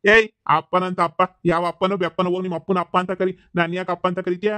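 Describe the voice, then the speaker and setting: A man's voice: sits high, a little fast, a little mellow, dry recording, close to an everyday voice. A man playing a bewildered, scolding village father who has forgotten his family, in a comedy skit. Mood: puzzled, scolding. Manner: scolding, incredulous, rambling.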